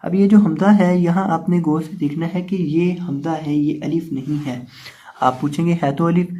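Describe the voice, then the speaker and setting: A male teacher with an Urdu accent, his voice sitting a little high for a man. He explains pronunciation rules in a patient, steady way. He repeats each syllable slowly and with more force when he recites it. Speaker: Quran reading teacher. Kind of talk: step-by-step recitation lesson.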